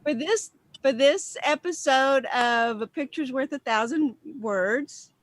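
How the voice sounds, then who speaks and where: A woman's voice: high voice, slow pace, slight background noise. A woman with a West Texas twang, chatting casually and self-deprecatingly on a video call. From West Texas, United States. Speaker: video contributor and guest. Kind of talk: casual chat on an online video show.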